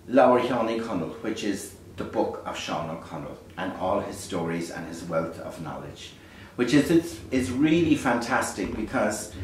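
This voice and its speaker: An Irish man speaks in a lilting storyteller's way, casual and reflective. His mid-pitched voice rings in a very echoey space, picked up from a distance over faint noise. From Ireland. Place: beside a small fire in a dark stone hearth. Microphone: distant camera microphone.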